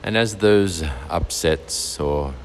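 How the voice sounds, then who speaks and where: Deep soft-spoken man guiding meditation. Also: slight background noise. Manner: slow, soft-spoken and soothing. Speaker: meditation guide. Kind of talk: guided meditation. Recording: faint music behind.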